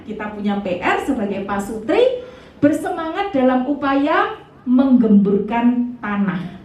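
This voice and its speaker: A woman's voice: high voice, darkish tone. Chatty East Javanese woman preaching in an echoey hall. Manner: chatty and humorous, asks the audience questions. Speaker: evangelist preaching to married couples. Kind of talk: lively sermon to a couples' fellowship. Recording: echoey hall from far off with faint background noise.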